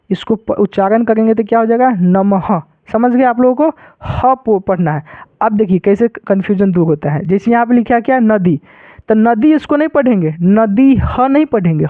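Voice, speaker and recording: A man's voice: extremely high pitch, dry recording. A man teaching a lesson, repeating points and often checking that students follow. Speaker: Sanskrit teacher. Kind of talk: classroom-style lesson explanation. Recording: dry, tinny phone-like sound.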